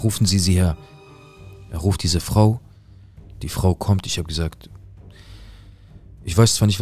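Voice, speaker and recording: A man narrating a dramatic first-person story, mostly low and hushed, with agitated quoted outbursts. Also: breathy edge. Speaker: storyteller recounting a viewer's story.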